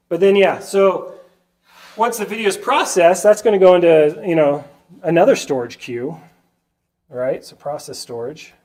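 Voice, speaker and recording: A man's voice: medium pitch, a little mellow. A man presenting at a tech meetup, his voice stuffy and nasal from a sinus cold. He talks through a whiteboard sketch in a loose, chatty way and keeps checking in with the room. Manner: chatty, keeps asking the audience "right?". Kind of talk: casual whiteboard tech talk.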